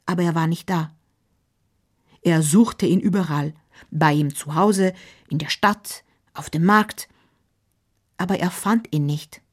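A woman telling a Christmas-style story slowly and gently, often dropping to a soft whisper. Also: on the low side. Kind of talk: storybook narration.

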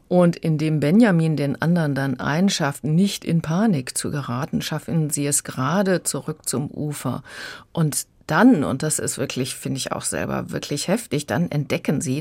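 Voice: mid-range voice, a little mellow, no echo. A critic discussing a novel on the air in an engaged, explanatory way. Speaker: literary critic. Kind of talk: book review talk.

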